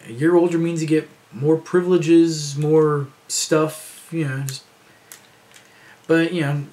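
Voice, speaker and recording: A man in his thirties rambling casually to camera in a vlog, with lots of fillers and restarts. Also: a little high. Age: 30s. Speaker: vlogger.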